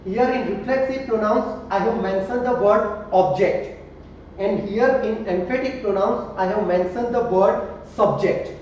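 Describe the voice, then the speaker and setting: A man's voice: high-pitched, a little slow, a little mellow. A man teaching a school grammar lesson, repeating example sentences and asking the class questions. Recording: echoey room, distant mic, dull with faint noise.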